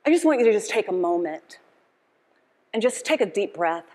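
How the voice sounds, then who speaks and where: Speaking at a moderate pace in a medium-pitched, slightly mellow voice, this middle-aged woman is very animated, and the sound fills a big room. Her motivational keynote on an indoor conference stage uses call and response with an audience, and she repeats phrases preacher-style with passion and emphasis.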